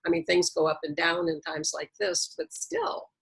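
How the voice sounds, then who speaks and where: A woman's voice: on the low side, very animated, normal speed, creaky, husky, low-quality recording. A middle-aged woman giving a reflective motivational talk on a video call, with wordplay and humor. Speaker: speaker.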